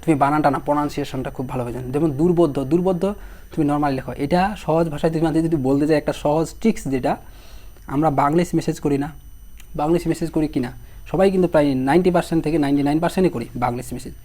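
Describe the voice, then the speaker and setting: A hoarse young man with a dark, mellow tone, fairly high for a man. He runs an online exam-prep lesson, sounding out each word slowly and asking his students questions as he spells it. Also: steady tone. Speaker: teacher.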